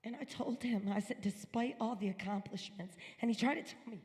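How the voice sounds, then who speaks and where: Woman from upstate new york telling her testimony at church, mellow voice, long echo off the hall. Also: a little high, brisk. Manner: earnest, emphatic storytelling. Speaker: guest speaker at a church service. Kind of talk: personal testimony. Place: church sanctuary.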